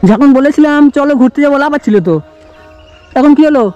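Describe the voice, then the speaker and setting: Man coaxing his little child, mellow. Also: very high voice, fast talker, soft background music. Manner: coaxing, doting, talks softly to a small child. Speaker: father vlogging with his little daughter. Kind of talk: casual vlog talk to a child. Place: outdoors in tree shade on a hot day.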